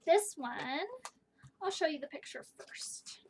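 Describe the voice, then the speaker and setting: High-pitched woman teaching kids in broad singsong. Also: animated, slow pace, a little hiss or hum. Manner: simple explanations with emphasized, repeated sounds and questions. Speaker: teacher of young children. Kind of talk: children's poetry lesson with read-aloud.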